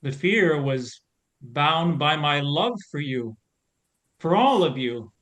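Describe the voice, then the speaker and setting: A man playing a weary gentle scarecrow. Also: a little high, expressive. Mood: sorrowful. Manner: slow, measured, gently soothing. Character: weary old male scarecrow, gentle guardian. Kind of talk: audio drama reading.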